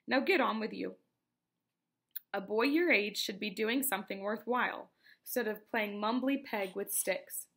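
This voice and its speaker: A woman reading aloud, voicing a bossy, chatty little old woman who scolds briskly. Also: mid-range voice, vocal fry, fairly bright tone, breathy edge, heavily acted.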